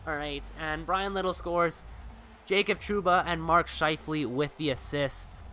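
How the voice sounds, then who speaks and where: Brief: high, bright-voiced male streamer calling video game hockey play-by-play, excitable, swears casually at his viewers. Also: a little slow, soft background music. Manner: excitable, bursts into loud shouts on big plays; casual and profane asides to viewers.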